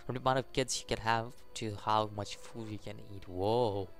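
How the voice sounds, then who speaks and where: A gaming channel host with a fairly low, steady voice and a moderate pace reads story text aloud, stumbling at times and adding reactive commentary. Faint game music plays behind him.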